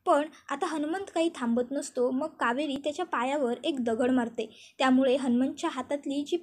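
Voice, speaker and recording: A woman narrates a TV serial episode as a flowing story. Her voice sits high, and she reads each character's dialogue aloud within the narration. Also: normal speed. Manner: retells scenes and voices characters' lines in quotes.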